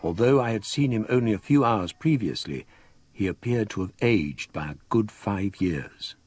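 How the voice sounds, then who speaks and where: An actor playing an older, scholarly English gentleman who narrates a ghost story in a measured, formal, literary manner for a radio drama. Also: lowish voice, animated, breathy edge, dry recording. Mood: grave, reflective.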